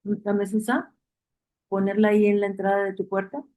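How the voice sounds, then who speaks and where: Woman Bible teacher, mellow warm tone, repeats points, quizzes the class. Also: medium pitch, flat delivery, moderate pace, low-quality recording. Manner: reads verses aloud and asks the class questions; repeats key phrases for emphasis.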